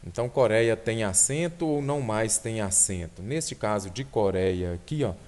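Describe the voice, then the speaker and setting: Deep-voiced Brazilian man teaching grammar. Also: expressive, normal speed, a little mellow. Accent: Brazilian Portuguese. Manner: explanatory, checks in with "ok?" and "né?". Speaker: Portuguese exam tutor. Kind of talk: online exam-prep lesson.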